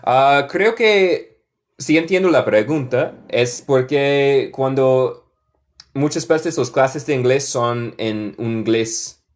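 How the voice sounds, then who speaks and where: A man from Michigan with a Northern US accent, a native English speaker teaching a live online lesson in Spanish and English. He repeats example sentences carefully and thanks viewers by name. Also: mid-range voice. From Michigan, United States.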